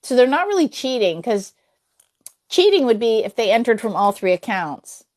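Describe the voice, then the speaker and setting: A woman's voice: on the high side, big pitch swings, moderate pace. A woman hosting a livestream, chatting casually and laughing easily. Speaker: host of a sweepstakes livestream. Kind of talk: casual chat. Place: livestream video call.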